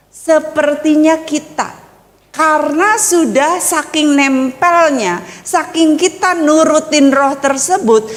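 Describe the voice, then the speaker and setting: A woman pastor preaching a sermon, telling a story and driving home points with emphatic, drawn-out repetition. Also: high-pitched. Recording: long reverb of a large hall.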